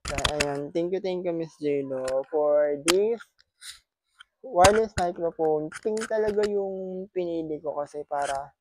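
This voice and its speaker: A man's voice: on the high side, a little slow, a little mellow, a little hiss or hum, low-quality recording. A man from the Philippines chatting casually in an unboxing vlog, repeating his thanks and teasing playfully. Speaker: vlogger. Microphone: wireless clip-on microphone.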